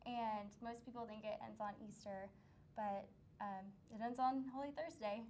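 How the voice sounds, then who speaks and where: A woman's voice: fairly high pitch, steady tone, normal speed, warm tone, slight background noise. A young woman co-hosting a student talk show, chatting casually with many ums and easy laughs. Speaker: student producer and co-host. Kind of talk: casual interview chat.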